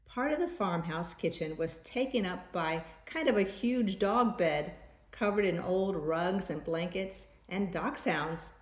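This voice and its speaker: Echoey older woman, grandma storytelling voice. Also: fairly low pitch. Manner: grandma voice, measured storytelling delivery. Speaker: grandmother reading aloud. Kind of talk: read-aloud children's storybook narration.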